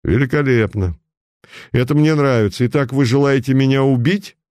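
A man's voice: medium pitch, no room sound, clean studio sound, natural voice. Man playing a cool, sarcastic detective. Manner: calm, sarcastic, measured. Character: cool unflappable male police detective.

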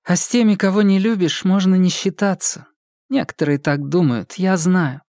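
A woman's voice: lowish voice, moderate pace, warm tone, no echo, studio quality, close to an everyday voice. A woman voicing a meek young housekeeper who blames herself, read in an audiobook. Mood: pleading. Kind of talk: audiobook character voice.

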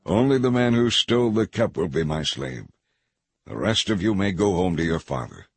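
A man's voice: sits low, big pitch swings, normal speed, slightly rough, dry recording, full character voice. A man voicing a stern commanding ruler.

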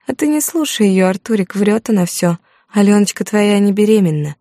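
A woman's voice: mid-range voice, lively intonation, moderate pace, dark tone, no room sound, studio quality, voice pushed up. A woman reading an audiobook, voicing a smug young woman who speaks in a mocking, scornful tone. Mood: sly.

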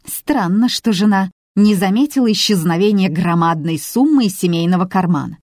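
A woman's voice: mid-range voice, lively intonation, moderate pace, a little mellow, no room sound, clean studio sound, close to an everyday voice. A woman doing a sarcastic, needling guest.

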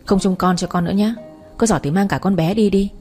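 A woman's voice: mid-range voice, steady tone, quick pace, a little mellow, soft background music, close to an everyday voice. A woman voicing a bossy middle-aged mother who scolds her daughter, in a read-aloud story. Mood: scolding.

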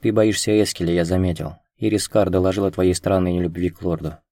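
A man's voice: sits low, fairly even intonation, quick pace, warm tone, no room sound, studio quality, natural voice. A man reading a tender, commanding young lord. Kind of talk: audiobook character reading.

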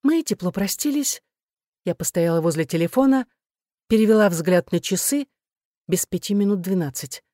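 A woman narrating a first-person novel as an audiobook, in a lively, sardonic storytelling manner. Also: medium pitch, moderate pace, no echo, clean studio sound.

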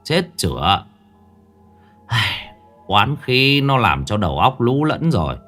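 A man's voice: mid-range voice, sing-song, slow, fairly bright tone, faint music behind, exaggerated voice. A man as a stern scolding spirit medium. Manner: scolding, brusque.

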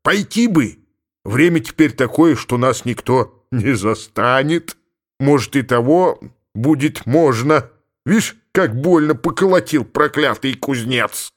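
A man's voice: medium pitch, lively intonation, slow pace. A man voicing a sly, stubborn older village cossack who grumbles and mutters to himself with comic indignation. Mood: indignant muttering.

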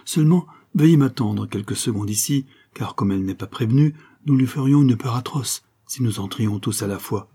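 A man reading as a sharp, self-assured detective in a storybook, brisk and in command. His tone is husky and mellow. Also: mid-range voice. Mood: confident. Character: sharp, confident male detective. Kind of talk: audiobook character voice.

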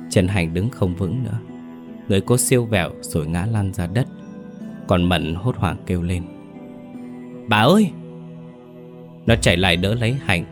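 Deep-voiced male horror storyteller. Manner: measured, steady storytelling. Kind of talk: scripted horror story narration. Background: soft background music.

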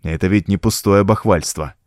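A man's voice: sits low, normal speed, darkish tone, dry recording, clean studio sound, natural voice. A man voicing a frightened, scheming male pirate leader in an audiobook, with an anxious, muttering manner. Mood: uneasy.

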